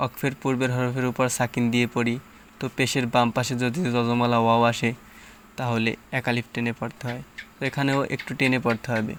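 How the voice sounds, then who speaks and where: A man's voice: medium pitch, flat delivery, fairly quick, fairly bright tone, a little hiss or hum. A man teaching Quran reading, sounding out syllables one at a time and explaining the tajweed rules patiently. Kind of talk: tajweed lesson, syllable-by-syllable recitation.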